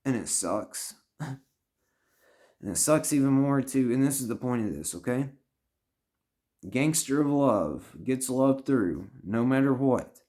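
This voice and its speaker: A man's voice: medium pitch, animated, unhurried, pauses often, warm tone. Earnest man rambling through heartfelt advice. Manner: earnest, rambling, swears a lot, restarts sentences. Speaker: vlogger giving life advice. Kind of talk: heartfelt personal monologue.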